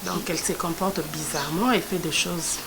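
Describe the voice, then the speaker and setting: A woman's voice: lowish voice, steady tone, a little fast, vocal fry. A woman, speaking in a hurt, hesitant way. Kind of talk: film acting. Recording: clicks and background noise.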